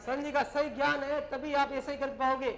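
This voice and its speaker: Man, very high voice, teacher, classroom grammar lesson, short repeated phrases. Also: flat delivery, moderate pace, a bit bright, a faint crowd, poor audio. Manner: dictates words and explains in short repeated phrases.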